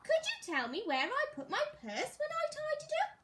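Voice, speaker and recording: Woman voicing very high, animated Little Miss Tidy. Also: normal speed, a little hiss or hum, exaggerated voice. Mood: puzzled, asking. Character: fussy, absent-minded tidy little lady from a children's storybook.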